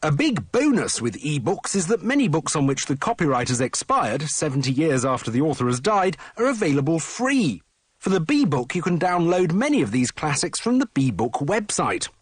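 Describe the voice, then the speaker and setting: A man presenting a tech review in a brisk, explanatory voice-over. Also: on the high side, very animated, breathy edge, no echo.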